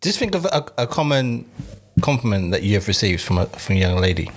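A man's voice: on the low side, sing-song, a little fast. A man who steers a casual group chat as its host.

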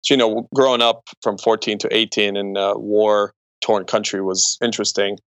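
With no room sound, the recording captures a man in his forties from Croatia, an entrepreneur and speaker, telling personal stories in a conversational podcast interview. His voice is on the low side, level and a bit bright, at normal speed.

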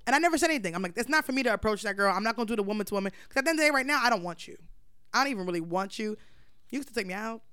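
A young woman in her twenties on a casual podcast, spinning a long story and slipping into everyone's voices as she goes. Her voice is smooth and clear, recorded close and dry with no room sound. She's blunt and profane, and throws herself into it. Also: on the high side, very fast, no room sound. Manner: animated storyteller acting out dialogue, blunt and profane. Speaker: podcast co-host telling a story. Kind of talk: casual chat.

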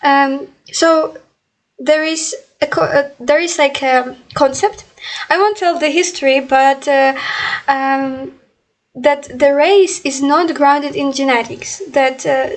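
Slow, high-voiced woman podcast host. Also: rough recording. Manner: hesitant, many fillers. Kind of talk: casual podcast interview.

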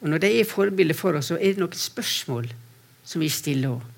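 High gravelly-voiced male preacher. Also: expressive. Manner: earnest, repeats words when restarting, shifts between soft and raised voice. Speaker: preacher speaking for a mission to persecuted Christians. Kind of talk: sermon with personal stories.

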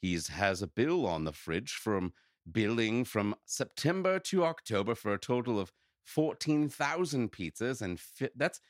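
A man with a deep voice co-hosts a recap podcast. He talks casually and riffs with an incredulous, salty edge. The sound is dry, with hardly any room in it. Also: big pitch swings, a little slow, dry recording. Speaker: podcast host.

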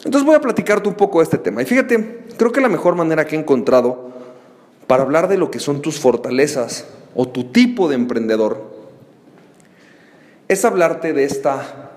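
A man with a fairly high voice, heard in a large hall, hosts a solo podcast. He tells a playful, animated story, acting out voices like his friends shouting.

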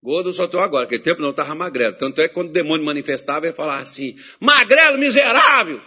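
A man's voice: a little high, rapid-fire, fairly bright tone, slightly rough. A man preaching a sermon, telling a story and acting out the voices of the people in it.

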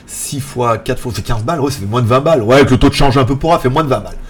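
A man hosting a casual tech live stream, rambling and joking, laughing often and mimicking other people in a high voice. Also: very fast, breathy edge. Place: apartment in Thailand.

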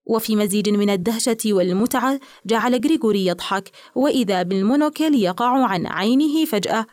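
A woman reading literary fiction aloud in a measured storytelling manner. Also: fairly high pitch, a little mellow, no echo. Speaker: audiobook narrator. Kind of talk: scripted literary narration.

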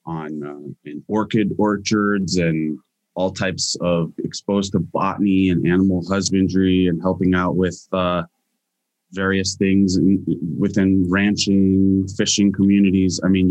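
A man's voice: low voice, darkish tone, no room sound. A young Hawaiian man answering interview questions casually as a guest scientist, with frequent restarts and fillers.

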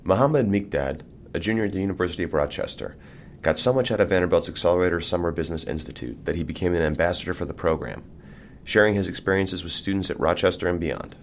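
A man hosting an interview, reading a short introduction and then asking polite, measured questions. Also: low-pitched, vocal fry, slight background noise. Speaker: interview host.

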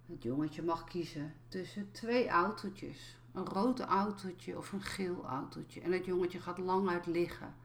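A woman speaking as a life coach in a reflective, explanatory talk. Her voice sits fairly low and she talks very slowly, circling back and repeating phrases as she works through her point. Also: a little hiss or hum. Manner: calm, explanatory, with repetitions.

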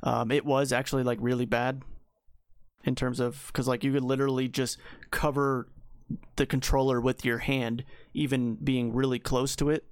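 A man talking casually about games on a podcast, loose and rambling, leaning on "like" and "um". His voice sits in an ordinary middle pitch and sounds dry and close, with little room around it. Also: normal speed, clean tone, no echo. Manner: relaxed, rambling with fillers. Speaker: podcast co-host. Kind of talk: casual gaming chat.

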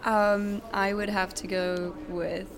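A young Czech woman, a recent graduate, answers interview questions in English at a conference center, sounding hesitant, thoughtful, and conversational. Her mid-range voice moves little in pitch and comes slowly. Crowd noise, venue ambience, and a distant sound check fill the background.

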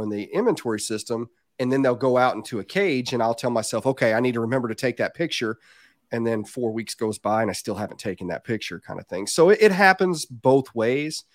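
Speaking quickly and expressively at a medium pitch, a southern Indiana man with a near-Kentucky accent chats frankly as a podcast guest. He's a reptile business owner. The audio has studio quality and no echo.

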